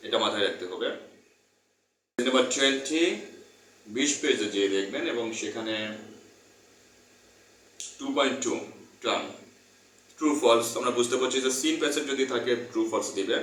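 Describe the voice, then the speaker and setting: A man's voice: medium pitch, a bit bright, far from the mic. Echoey man teaching English. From Bangladesh. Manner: earnest, repeats points, mixes English terms. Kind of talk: explaining a textbook lesson. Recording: echoey room, voice off-mic.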